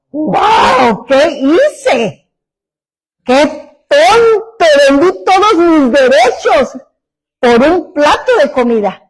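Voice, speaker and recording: A woman's voice: high voice, low-quality recording. A woman pastor preaching a sermon, emphatic, full of rhetorical questions to the congregation.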